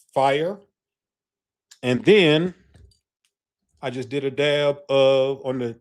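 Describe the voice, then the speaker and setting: A man hosting a casual livestream, talking in a laid-back, slangy way full of shout-outs. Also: fairly high pitch. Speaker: livestream host.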